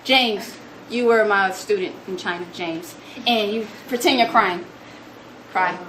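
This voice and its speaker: A young woman gives an animated storytelling talk to an audience, acting out quotes in a higher voice. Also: a little slow. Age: young adult. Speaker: student speaker. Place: room with an audience. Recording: echoey room, noticeable background noise.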